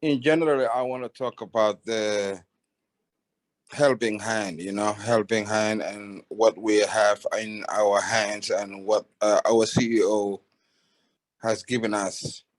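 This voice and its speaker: Low-voiced man from Somalia, halting. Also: steady tone. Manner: halting, many restarts and fillers. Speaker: webinar participant. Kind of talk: casual testimony.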